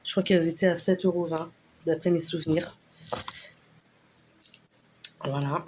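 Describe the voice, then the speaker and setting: A woman casually talking through a shopping haul, unhurried and hesitant with lots of fillers. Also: on the low side, fairly even intonation, a little mellow, slight background noise. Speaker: vlogger showing a store haul. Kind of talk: casual haul video chat.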